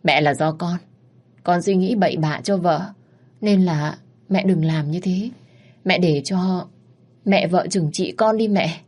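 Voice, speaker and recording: A woman's voice: on the low side, slow, a little mellow. A woman voicing a coaxing, two-faced young husband in a storybook reading.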